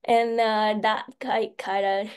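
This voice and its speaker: A woman's voice: mid-range voice, little pitch movement, takes it slowly, clean tone. A young woman with a Vietnamese accent, a university student, giving a hesitant practice answer in English in an online class. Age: young adult. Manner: hesitant, with restarts and fillers. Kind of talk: answering a speaking practice question.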